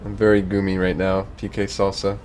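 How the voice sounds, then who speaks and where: Brief: laid-back male streamer from Virginia, rambling profane chat, lower voice, faint hiss behind. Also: monotone, a little fast, darkish tone. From Northern Virginia, US.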